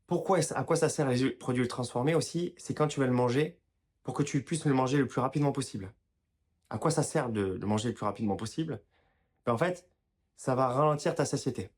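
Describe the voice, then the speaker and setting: Man, casual talk to camera, informal, addresses viewer directly, frequent restarts, average pitch. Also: brisk, slightly rough. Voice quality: apologizes for his own pronunciation. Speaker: health and wellness video creator.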